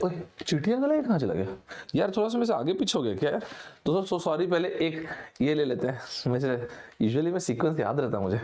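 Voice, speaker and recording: Brief: young male online teacher, slightly higher-pitched voice, joking Hinglish lesson patter that keeps calling the viewers friends. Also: darkish tone. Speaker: online exam-prep teacher. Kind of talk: lively Hinglish vocabulary lesson.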